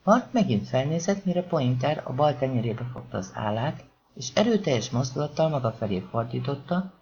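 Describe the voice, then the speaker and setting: A man reading a crime novel aloud as an audiobook narrator, in a lively, expressive way. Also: medium pitch. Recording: dull lo-fi audiobook recording.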